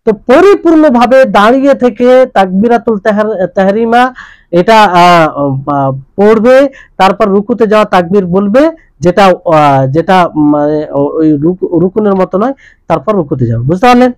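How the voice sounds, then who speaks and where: A man's voice: high voice, animated, unhurried, long pauses, no echo, rough recording. A male preacher giving a religious lesson who keeps asking his listeners questions and repeating the key points. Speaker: Islamic preacher.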